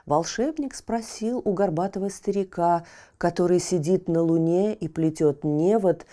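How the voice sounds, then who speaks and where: Slow, mellow woman telling a bedtime story. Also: fairly low pitch. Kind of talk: scripted children's bedtime story narration.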